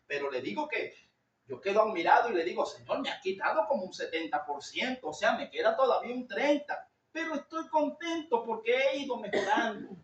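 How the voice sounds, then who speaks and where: A man with a Venezuelan accent preaching a sermon in a loud, shouting timbre, earnest and confessional, calling his listeners brother. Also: extremely high pitch. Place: church hall. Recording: echoey hall, distant lo-fi mic.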